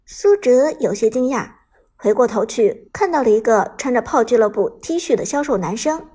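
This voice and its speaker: A woman narrating a serialized novel as an audiobook, in a steady, even storytelling manner. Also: fairly high pitch, normal speed, husky.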